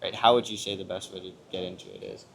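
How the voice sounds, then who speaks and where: A man's voice: deep voice, sing-song, fast talker, vocal fry, background noise. A man co-hosting a casual motivational podcast, posing rhetorical questions and often checking his points with a tag question. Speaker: podcast co-host. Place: outdoors on a villa balcony.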